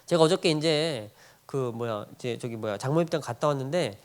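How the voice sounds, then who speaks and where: A middle-aged man preaching a sermon as pastor, in an animated, conversational way, asking the congregation rhetorical questions and chuckling between points. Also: medium pitch, brisk, smooth.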